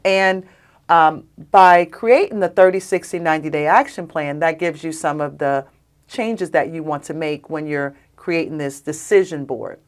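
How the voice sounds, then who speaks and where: A woman, a guest on a podcast, telling personal stories in an animated, emphatic, conversational way. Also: sits low, moderate pace. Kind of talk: conversational storytelling.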